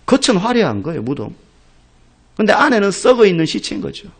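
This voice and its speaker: A middle-aged Korean pastor delivers a sermon in a high, lively voice that swings widely in pitch. He tells stories vividly, acting out the people he quotes. He rises to loud, emphatic exclamations. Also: brisk.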